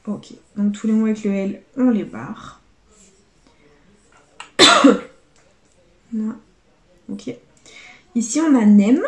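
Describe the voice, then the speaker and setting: A woman's voice: medium pitch, slow pace, pauses often. French woman scratching tickets in an echoey room. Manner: lively, swings between dread and excitement, spells out letters. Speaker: YouTuber scratching lottery tickets. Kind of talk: casual commentary to viewers.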